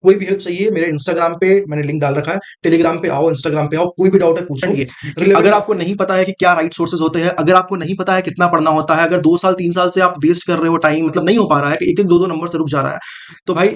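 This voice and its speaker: Speaking fast with a fairly even intonation and a voice on the high side, this man mentors students preparing for exams. His casual, direct coaching to camera circles back over key points, and he addresses the listener as brother.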